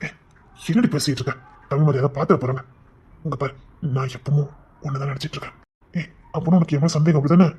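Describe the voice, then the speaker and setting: Husky, fast-talking husband John, played by a man. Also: a little high, steady tone. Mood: tender. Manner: fast, blustering, then soft and coaxing. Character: devoted, brash young husband John. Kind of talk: amateur Tamil audio drama.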